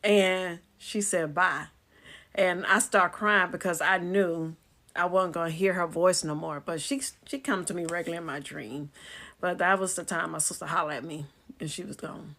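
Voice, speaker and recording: A woman telling a personal ghost story in a casual, emotional way, sometimes hushed and sometimes hollering. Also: lowish voice, fairly even intonation, moderate pace. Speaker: storyteller telling her own experience.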